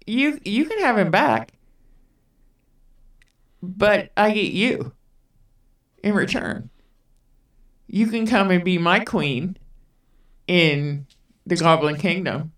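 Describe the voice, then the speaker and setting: A woman's voice: fairly low pitch, expressive, slow, pauses often, a bit bright, reverberant, distant mic. Woman doing a sly goblin king. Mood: teasing. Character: teasing male goblin king, bargaining.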